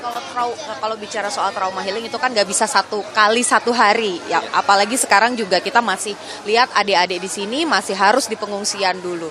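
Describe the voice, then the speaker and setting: A woman's voice: medium pitch, quick pace. A woman field reporter at an outdoor shelter, friendly and upbeat when asking questions, then formal as she signs off. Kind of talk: live field news report. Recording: crowd noise at an outdoor shelter. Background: busy crowd.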